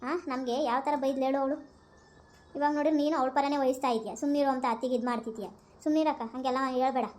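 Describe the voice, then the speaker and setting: A woman's voice: high voice, fairly even intonation, fast talker, a little mellow, lightly acted. A woman playing a scheming young daughter-in-law who gossips and confides trouble to the audience. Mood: coaxing.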